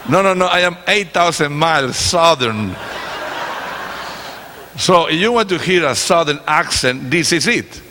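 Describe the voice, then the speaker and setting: His voice sits fairly high, with lively intonation and a measured pace, as this native Spanish speaker from Chile preaches informally to a congregation. A guest at a large church, he speaks from the stage, cracks jokes, hesitates frequently and has a Chilean accent. The church hall's echo and the congregation's noise fill the recording.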